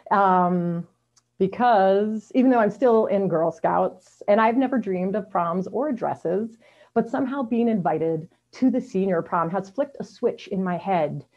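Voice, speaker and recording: Over dull, lo-fi video call audio, the same kind of amateur story slam performer, a middle-aged woman, shares a personal story in a wry, self-deprecating way. She speaks at medium pitch and a measured pace, with a darkish tone.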